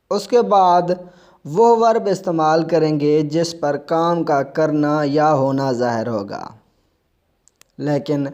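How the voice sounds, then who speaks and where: A man's voice: on the high side, darkish tone. A man with an Urdu accent teaching a spoken language lesson, spelling out letters and repeating example sentences.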